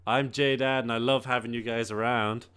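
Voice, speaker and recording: A man's voice: medium pitch, little pitch movement, fairly bright tone, clear, resonant tone. Guy hosting a gaming podcast, chill, swears a lot, laughs easy. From Ireland. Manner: loose, swears freely, quick to laugh. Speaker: podcast host. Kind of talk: casual gaming podcast chat.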